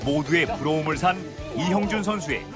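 A man delivering scripted highlight commentary as a golf commentator, in an announcer's style. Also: fairly quick. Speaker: golf commentator, video narrator. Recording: music bed under voice. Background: loud background music.

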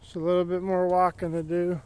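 A vlogger walks a wooded dirt trail giving plainspoken, rambling commentary, recorded on a handheld phone camera with slight background noise. He speaks a little fast in a high-pitched, darkish voice with a completely flat delivery.

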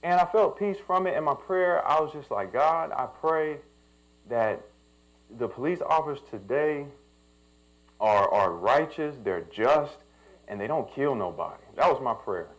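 A man's voice: mid-range voice, lively intonation, a little slow, rough recording. A young man, a pastor telling a personal story in a sermon and building to emphatic preaching.

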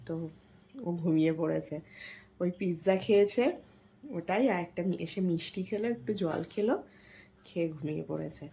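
A woman, chatting quietly to her viewers from her bed at night so she won't wake her sleeping daughter. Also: fairly low pitch, slight background noise. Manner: speaking softly so her sleeping daughter is not woken. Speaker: vlogger. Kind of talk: casual chat to viewers. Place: bedroom at night.

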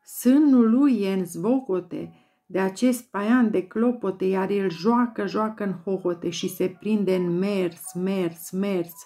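A woman giving a dramatic, rhythmic poetry recitation, chanting repeated words in an incantatory way. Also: medium pitch. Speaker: volunteer poetry reader. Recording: soft music bed behind voice.

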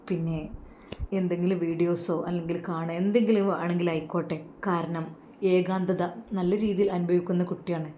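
Woman doing a soft-spoken kind young guy, low and quiet, caring. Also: a little hiss or hum, natural voice. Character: kind caring young man, gentle and considerate.

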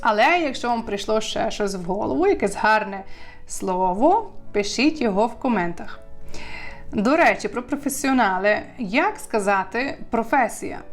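A woman teaching an online language lesson, drilling words slowly and asking her learners questions. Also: a little high.

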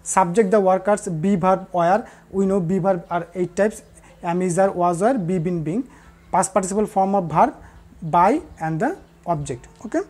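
A woman teaching a class, repeating the key answers and pausing with fillers. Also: fairly low pitch, warm tone. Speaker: English teacher. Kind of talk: recorded classroom lesson.

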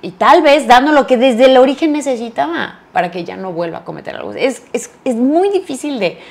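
A woman's voice: sits high, brisk, vocal fry. A middle-aged woman from Mexico, an actress talking in a casual interview and acting out the lines she quotes. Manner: animated storyteller, acts out quoted lines.

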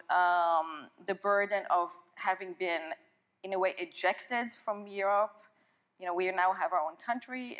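A middle-aged woman from Israel talks onstage about her work, in a fairly low voice. She reflects as she goes, restarting sentences often. Recorded on a lapel mic in an auditorium. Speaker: author and guest. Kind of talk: onstage conversation. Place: stage of an auditorium.

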